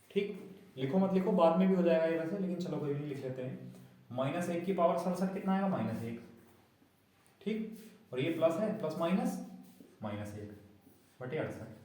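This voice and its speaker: A man's voice: fairly high pitch, dark tone. A man teaching a maths lesson, explaining each step and often asking the class whether they understood. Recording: very echoey room.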